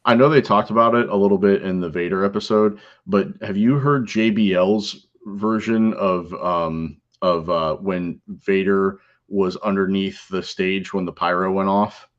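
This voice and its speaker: Man, low voice, casual podcast chat, animated storyteller, dull lo-fi sound. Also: a little slow, hardly any pauses. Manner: animated storyteller, acts out quotes loudly and laughs. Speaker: podcast co-host.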